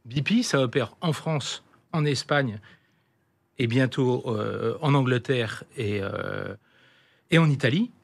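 A man speaking as an executive guest on a radio interview, in measured business talk. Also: medium pitch, gravelly. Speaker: finance company executive guest.

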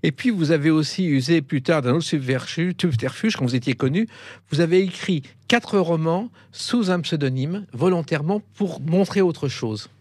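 Male interviewer, direct questions, somewhat high pitch, dry close sound. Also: expressive, normal speed, a little mellow, dry recording. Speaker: interviewer, host. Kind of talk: broadcast interview.

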